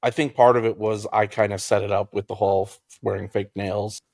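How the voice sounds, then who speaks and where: Gravelly-voiced young man, rambling and jokey. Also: fairly low pitch, flat delivery, a little fast, darkish tone, no echo. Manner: rambling, jokey, trails off mid-thought. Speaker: podcast co-host. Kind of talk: casual chat.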